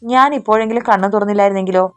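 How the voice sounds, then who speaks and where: Worried, gentle young man read by a woman in an audiobook; soft, pleading delivery. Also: mid-range voice, steady tone, very fast, soft background music, close to an everyday voice. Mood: tender worried.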